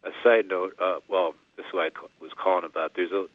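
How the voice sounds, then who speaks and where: Deep flat-voiced man on a landline. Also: dry recording. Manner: halting, loose chatty phrasing with fillers. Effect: over a landline phone. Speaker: radio call-in caller. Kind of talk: casual call-in chat. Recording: tinny landline phone line.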